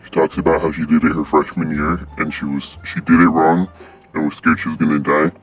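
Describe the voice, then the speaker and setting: Man, very deep monotone, reads a countdown script; dull lo-fi sound with music under it. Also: brisk, slightly rough. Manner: flat, plain reading with small stumbles. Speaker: countdown video host. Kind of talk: read countdown narration.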